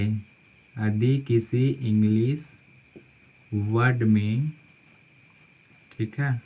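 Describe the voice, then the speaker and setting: A man's voice: lowish voice, mellow, rough recording. A man teaching English spelling rules in a classroom-style lesson, spelling words out letter by letter and repeating each phrase with a "theek hai" check after most points.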